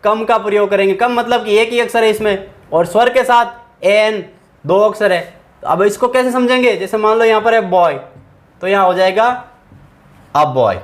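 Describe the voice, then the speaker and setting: High-voiced man teaching a grammar lesson. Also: moderate pace. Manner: patient, asks questions and answers them himself. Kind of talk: explaining English grammar to students.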